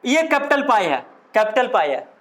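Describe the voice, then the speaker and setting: Guy teaching physics, pretty high voice, keeps quizzing the class. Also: moderate pace. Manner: lively, coaxing, quizzes students with questions. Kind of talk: classroom lecture.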